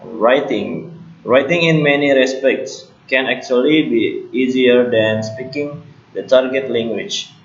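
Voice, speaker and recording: Male student presenter, slow and deliberate, roomy lo-fi recording. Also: mid-range voice. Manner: slow, careful delivery with small self-corrections. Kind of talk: read academic presentation. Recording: roomy, dull lo-fi home recording.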